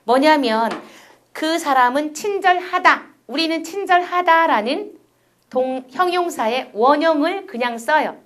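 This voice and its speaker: A woman's voice: sits high, expressive, unhurried. A middle-aged woman giving a recorded university lecture, explaining step by step and often asking her listeners rhetorical questions.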